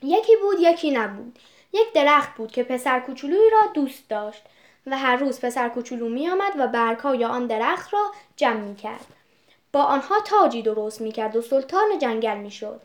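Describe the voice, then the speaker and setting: High-voiced woman reading a storybook. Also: sing-song.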